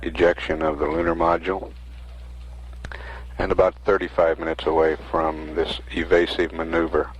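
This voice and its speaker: American male mission announcer, deep and even, matter-of-fact status updates, lightly noisy 1960s recording. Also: moderate pace. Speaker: mission control public affairs announcer. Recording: faintly noisy 1960s archive broadcast audio.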